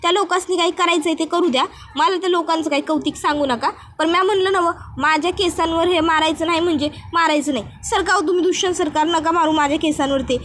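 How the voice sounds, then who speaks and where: A woman's voice: very high-pitched, fairly even intonation, quick pace, fairly bright tone, slight background noise. A woman voicing a stubborn rustic young village bride who talks in a fussy village dialect. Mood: protesting.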